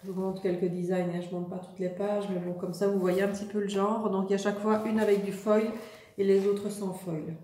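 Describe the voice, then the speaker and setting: A woman talks through her latest haul in an easy, chatty way, often pausing to find her words. Her voice is mellow and soft-edged. The sound carries an echo from the room, with faint noise behind her. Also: mid-range voice. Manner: relaxed, chatty, many hesitations. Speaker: vlogger showing a shopping haul. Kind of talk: casual haul video.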